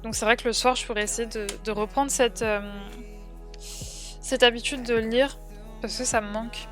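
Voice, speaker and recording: On a livestream, a young French woman streamer chats casually, replying to viewers' comments and often trailing off with fillers. Her voice is slightly high for a woman, with fairly even intonation and a normal pace. Quiet music plays in the background.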